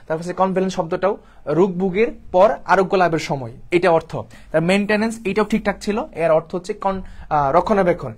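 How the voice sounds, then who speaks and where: A man's voice: sits high, quick pace. A man with a Bangladeshi Bengali accent teaching an online exam-prep English lesson, repeating points and checking in with students often. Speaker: admission test English teacher.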